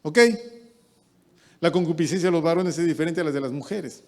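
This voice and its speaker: A middle-aged man, a pastor delivering a sermon who acts out the voices he quotes. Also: fairly quick. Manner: lively, acts out quoted voices with big pitch jumps.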